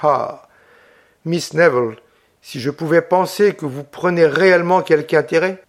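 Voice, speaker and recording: A man's voice: fairly high pitch, moderate pace, close to an everyday voice. A man reading an audiobook, voicing a proud, gloomy young Corsican officer who speaks earnestly. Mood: brooding. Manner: earnest and brooding.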